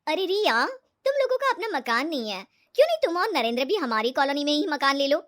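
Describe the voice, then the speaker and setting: A woman's voice: high voice, big pitch swings, quick pace, a bit bright. Woman doing a pushy scheming false friend.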